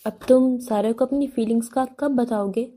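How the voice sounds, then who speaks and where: A curious, teasing young man, voiced by a woman reading an audiobook keeps prodding his friend with questions. The voice is dark and mellow, a touch high. It is part of a romance novel read aloud. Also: steady tone, close to an everyday voice.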